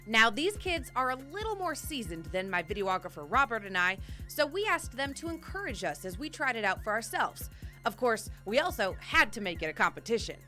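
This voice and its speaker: A woman's voice: fairly high pitch, sing-song, brisk, sharp tone, faint music behind. A woman hosting a travel show, narrating in a bubbly, enthusiastic way.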